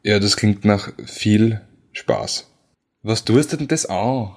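A man, a car journalist chatting as co-host, relaxed and a bit hesitant. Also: lowish voice, slow. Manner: relaxed, tired, hesitant with fillers. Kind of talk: casual chat.

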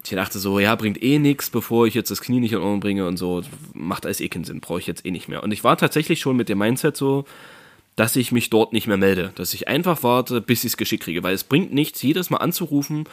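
A man's voice: on the low side, animated, brisk. A man telling a story in casual chat, acting out phone calls with raised voices.

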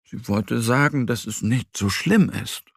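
A man gently and expressively reading a children's story aloud. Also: medium pitch, animated, measured pace, creaky, no echo, studio quality. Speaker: narrator.

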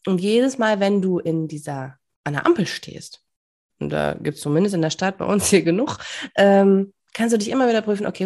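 A woman's voice: mid-range voice, darkish tone. Chatty German woman hosting a podcast. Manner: chatty, laughs often, restarts words. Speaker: podcast host. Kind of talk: casual podcast chat.

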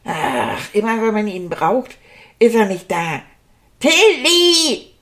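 A woman's voice: medium pitch, a little slow, a little mellow, lightly acted. A woman playing a whiny, lazy boy king. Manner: whiny, demanding, sulky. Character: lazy bossy schoolboy king, whiny and cheeky.

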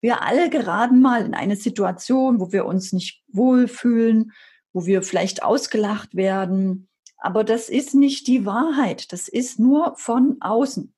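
Husky-voiced woman coaching with emphasis. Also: a little high, a little slow, warm tone. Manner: emphatic, asks and answers her own questions; repetitive, preaching cadence. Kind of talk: motivational podcast talk.

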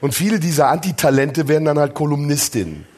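A man's voice: fairly high pitch, fast talker, noisy background. A man hosting a live comedy podcast on stage, ranting in a crude, sarcastic way. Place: live show in a tent venue.

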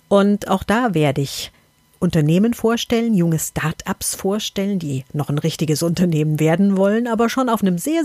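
A woman with a fairly low voice talks as the host of a solo podcast. She rambles in a conversational way, breaking off her own sentences for wry asides. The sound is close and dry, with very little room in it. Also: mellow, no room sound. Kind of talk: chatty solo podcast introduction.

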